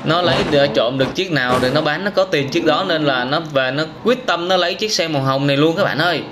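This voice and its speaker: Commentating quickly in a high voice, a host of children's gaming reaction videos tells simple, exclamatory stories over game footage. The recording is noisy, with car engines roaring behind him.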